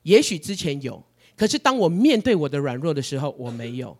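A man preaching a sermon, telling his story in an animated, emotional way. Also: a little high, fairly quick.

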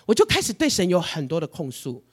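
A man preaching a sermon, telling his story in an animated, emotional way. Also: fairly high pitch, fast talker, husky.

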